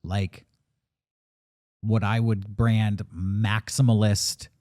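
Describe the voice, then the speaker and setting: A man in his late thirties co-hosting a podcast, talking openly and thoughtfully about his plans in loose, casual chat. His voice is mellow and dark in tone, recorded close and dry with no room sound. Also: fairly low pitch, flat delivery, extremely slow, dry recording. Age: 30s. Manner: candid, reflective, swears casually. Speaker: podcast co-host.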